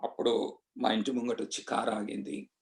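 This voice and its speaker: A man telling his own story as an emotional personal testimony. He speaks earnestly, slips into English phrases, and drops low and quiet at the sad moments. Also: little pitch movement, normal speed. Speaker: guest giving a testimony.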